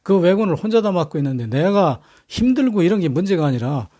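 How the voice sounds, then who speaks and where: A man retells history in a loose, chatty lecture, blunt and full of fillers and hesitations. His voice is fairly high for a man, with a mellow, soft tone. He talks plainly and bluntly. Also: big pitch swings, fairly quick. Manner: colloquial, blunt, peppered with fillers and rough language. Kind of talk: casual storytelling lecture.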